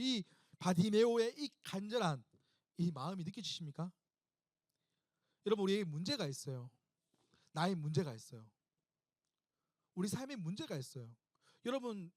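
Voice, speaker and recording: High-voiced emphatic male preacher. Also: no room sound. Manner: emphatic storytelling preacher, repeating phrases and questioning the congregation. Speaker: pastor. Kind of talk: sermon to a young adults' service.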